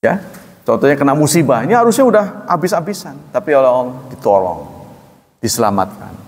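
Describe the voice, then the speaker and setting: A middle-aged man preaching a conversational religious lecture, animated and full of rhetorical questions, often acting out little dialogues. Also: mid-range voice, a little fast, big-room sound. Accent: Indonesian. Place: mosque or lecture hall.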